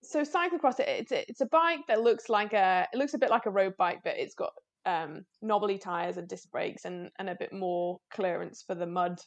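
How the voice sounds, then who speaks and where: A woman with a mid-range voice, speaking at a normal pace with few pauses, is a cyclist being interviewed as a guest. She's chatty and self-deprecating, laughing often and restarting her sentences a lot.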